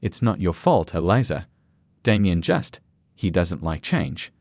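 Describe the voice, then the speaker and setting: A gentle young woman with a soft, sympathetic way of speaking, as a man reads her lines. The voice sits low but moves with lively pitch. It sounds close and dry. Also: a little slow, gravelly, no echo, exaggerated voice. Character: gentle young woman, caring daughter-in-law.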